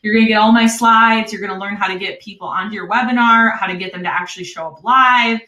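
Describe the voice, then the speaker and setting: Upbeat Wisconsin woman pitching a course. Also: fairly even intonation, fast talker, sharp tone, echoey room, lo-fi sound. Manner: upbeat, chatty, laughs often. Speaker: online course host. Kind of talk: live webinar sales pitch.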